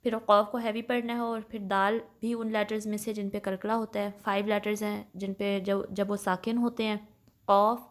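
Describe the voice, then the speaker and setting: A woman teaches Quran recitation at a patient, step-by-step pace, mixing in English terms. Her pitch sits in the middle range. When she gives examples, she recites slowly and more loudly. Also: flat delivery. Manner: patient, explains each sound step by step, checks in often; slows and recites Arabic examples louder. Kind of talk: tajweed lesson mixing Urdu and English.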